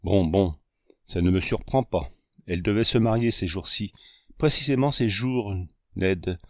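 A man reading the lines of a spry, commanding old hunting leader with brisk, fatherly orders. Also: lowish voice, dry recording, studio quality. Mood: eager.

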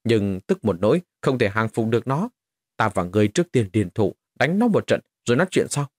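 Brief: a man doing a proud male warrior for an audiobook, loud, blunt, husky edge, close and dry. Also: fairly low pitch, very animated, brisk, dry recording. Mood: commanding.

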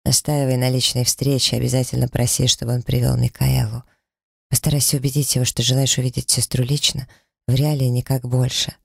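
A man's voice: medium pitch, level tone, fairly quick, vocal fry, husky, no room sound, studio quality. A man voicing an earnest, clever young female student in an audiobook, reasoning things out aloud. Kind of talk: audiobook character reading.

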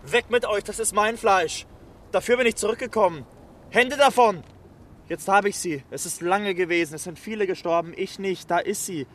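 An actor playing a weary, stubborn soldier back from war in a stage play, brooding with defiant outbursts. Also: male voice, high voice, fairly quick, hardly any pauses. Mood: fierce.

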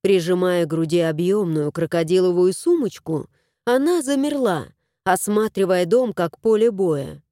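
A woman narrating a storybook in an unhurried, expressive reading. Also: fairly low pitch, no echo, studio quality.

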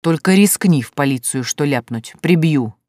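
A reader voicing a rough, drunk, brutal man who threatens and snarls slowly and loudly in an audiobook. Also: mid-range voice, animated, no room sound, studio quality, natural voice. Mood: menacing. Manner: coarse, menacing, slow and loud. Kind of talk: audiobook character voice.

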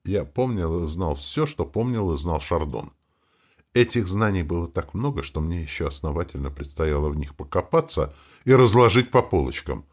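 Low-voiced expressive male audiobook narrator. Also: normal speed. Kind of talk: scripted first-person narration.

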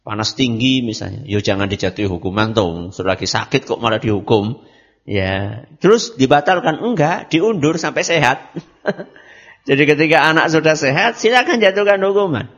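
Lively male preacher. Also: mid-range voice, moderate pace, highs cut off. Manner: asks and answers his own questions, mixes in Javanese words. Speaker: Islamic preacher. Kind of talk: religious study lecture.

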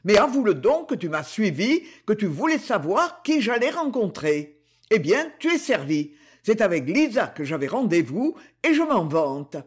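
A man's voice: sits high, sing-song, measured pace, slightly rough, exaggerated voice. A man reading the part of a brutal, domineering husband, harsh and scornful, with insults. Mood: sneering rage.

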